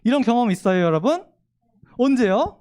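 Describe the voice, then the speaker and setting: A woman teaching a children's sermon in a church, animated, asking the children questions and acting out worried voices. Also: fairly high pitch, normal speed. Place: church room with children present.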